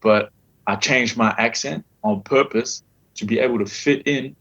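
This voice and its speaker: Telling his story as a podcast guest, this thirtysomething man has a faint South African accent and a medium-pitched, fairly bright voice at a measured pace, with the highs cut off. It's casual interview storytelling: he's candid, swears freely, and keeps saying "you know what I mean."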